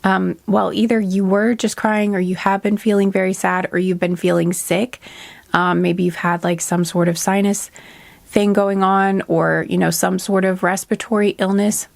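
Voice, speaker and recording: A woman with a stuffy, congested nose talks through a spiritual reading in a loose, casual way. She keeps drifting off on tangents and correcting herself, with frequent "um"s. Her voice sits at a middle pitch. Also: level tone, normal speed, vocal fry. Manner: hesitant, many "um"s and self-corrections. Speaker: intuitive card reader.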